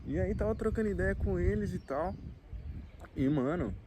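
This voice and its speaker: A man in his late twenties with a Brazilian Portuguese accent, talking to the camera in a relaxed, slangy, reflective way. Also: high-pitched, normal speed, slight background noise. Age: late 20s. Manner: laid-back slangy talk, frequent filler tags. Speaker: vlogger. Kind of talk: casual reflective monologue. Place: outdoors at a campsite.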